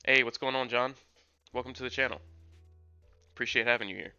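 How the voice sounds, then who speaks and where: Streaming from home, a young man offers chipper crypto chart commentary to viewers while a sore throat wears his voice down. He talks a little fast in a mid-range voice with fairly even intonation, pushed, bright and smooth. Faint background music plays under the dull lo-fi audio.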